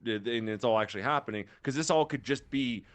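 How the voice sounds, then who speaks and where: A man's voice: mid-range voice, brisk. A man co-hosting a casual sports talk show, rambling with frequent laughs and restarts. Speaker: co-host.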